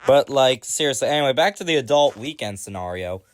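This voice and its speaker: A man's voice: mid-range voice, animated, fairly quick. A man telling crude comic stories in a rambling, exaggerated rant. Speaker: comedian.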